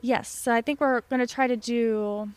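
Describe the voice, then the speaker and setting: A woman's voice: a little high, steady tone, normal speed, darkish tone, smooth, no echo. A woman co-hosting a podcast in casual, chatty conversation, recorded at a desk mic at home. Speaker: podcast co-host. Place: home basement with no door. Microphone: desk microphone.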